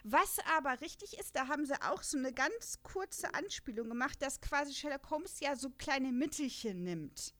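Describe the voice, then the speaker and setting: A young adult woman hosts a casual podcast about an audio drama, chatting and explaining at length with lots of fillers and laughter between points. Her high, expressive voice is bright and forceful, moving at a moderate pace with hardly any pauses.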